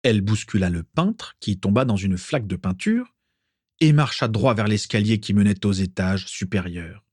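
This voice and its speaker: Male audiobook narrator, dramatic, lively pitch, dry close sound. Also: moderate pace, husky, no echo. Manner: expressive, dramatic storytelling. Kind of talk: audiobook reading.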